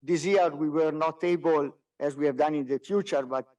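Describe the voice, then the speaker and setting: On a conference call, a male executive whose first language isn't English delivers a results presentation, stumbling into pauses and repetitions. The audio comes through a distant mic; his voice is fairly high, darkish, and moderately paced.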